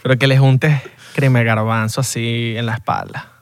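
A young man co-hosting a podcast, teasing his friend in casual, drawn-out banter. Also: mid-range voice, level tone. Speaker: podcast co-host. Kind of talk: casual chat.

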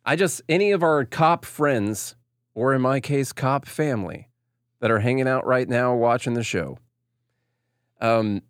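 A man's voice: mid-range voice, animated, unhurried, clear, resonant tone, no echo, clean studio sound. A man co-hosting a talk show, giving casual, blunt commentary and acting out quoted dialogue. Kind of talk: casual opinionated commentary on video clips.

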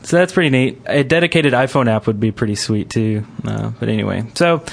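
A man hosts a casual gaming podcast in a relaxed, conversational way, his mid-range voice moving at a fairly quick clip. Music plays clearly behind him throughout.

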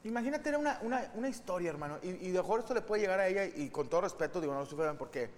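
A man with a Mexican accent, a podcast co-host, rambling and joking through an animated anecdote. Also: sits high, rapid-fire, long reverb tail. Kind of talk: comedic podcast banter.

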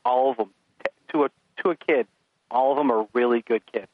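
A man's voice: mid-range voice, a little fast, phone-quality sound. A middle-aged man, chatting casually as a podcast guest and acting out stories about his kids. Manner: animated storyteller acting out his kids and himself. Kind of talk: casual chat.

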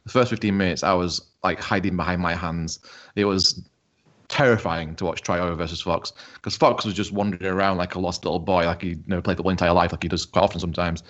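Lowish-voiced fan venting on muffled audio. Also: male voice. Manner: animated fan venting, lots of fillers. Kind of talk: casual football podcast chat. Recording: dull lo-fi recording.

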